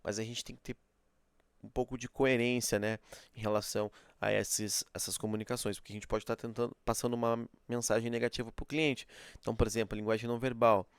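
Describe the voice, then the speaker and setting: A man's voice: mid-range voice, little pitch movement, a little fast, clear, resonant tone, dry recording. A male teacher giving a classroom lecture, explaining step by step, checking in with frequent rhetorical questions and acting out examples. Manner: demonstrative, acts out examples.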